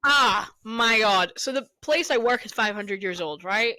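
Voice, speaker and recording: A woman's voice: on the high side, lively intonation, measured pace, sharp tone, no echo. A young adult woman co-hosting a casual podcast chat. She tells stories and swears freely. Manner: chatty storyteller, swears freely. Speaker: podcast co-host.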